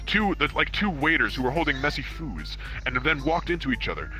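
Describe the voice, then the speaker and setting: In an online virtual reality hangout, an amateur reader of comic fan fiction narrates a story dramatically with a mock-serious manner. His voice is on the high side, very animated and brisk, the audio is poor, and music plays behind him.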